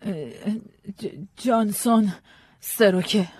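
A woman voices an anxious, frightened wife in an audiobook drama, her guarded lines hesitant and pleading. Her mid-range, darkish voice sounds close to everyday speech, recorded dry without room sound.

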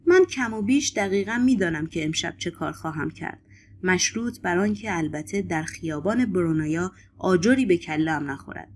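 A woman's voice: on the low side, animated, slight background noise. A woman voicing a skeptical man who answers politely but dismissively in an audiobook. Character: skeptical man, editor, dry and irritated.

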